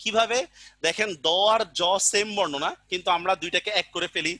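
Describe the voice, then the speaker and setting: A man's voice: high-pitched, fairly quick, bright, forceful tone, no echo. A male teacher giving an online grammar lesson, patiently repeating examples and often asking the class whether they understood. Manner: keeps asking students check questions.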